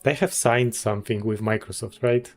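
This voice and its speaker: A man's voice: medium pitch, unhurried, a little mellow, soft background music. A man, chatting casually on a livestream as a game developer, thinking aloud with many restarts and small chuckles. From Poland.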